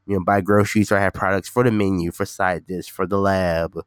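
A man's voice: deep voice, flat delivery, brisk, clean tone, dry recording, clean studio sound. A man hosting a casual solo podcast, rambling informally and repeating himself, sounding nasal and a bit congested from being sick. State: slightly sick with a stuffy nose. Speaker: podcast host and gaming streamer.

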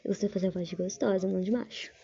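A woman's voice: medium pitch, fairly even intonation, fast talker, gravelly, slight background noise. A woman joking provocatively in a casual group chat and pushing everyone to start a game. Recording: muffled, with loud group chatter.

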